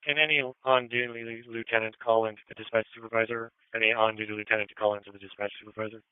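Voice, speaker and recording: A man's voice: on the low side, flat delivery, quick pace, clear, resonant tone, dry recording. A man working as a police dispatcher, reading call notes to units in procedural radio style. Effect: police radio transmission. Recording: phone-like narrowband scanner audio.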